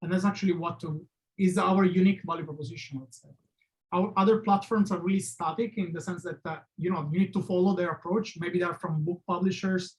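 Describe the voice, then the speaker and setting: In a rough recording from a video-call webinar, a man with a high-pitched, fairly even voice presents his product at a fairly quick clip. His talk is loose and conversational, full of hesitant restarts and non-native phrasing.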